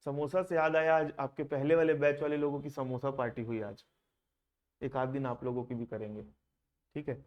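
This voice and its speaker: A man's voice: mid-range voice, level tone, normal speed, lo-fi sound. A man teaching an accounting class in Hindi, often asking his students questions and mixing in English terms. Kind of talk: classroom lecture.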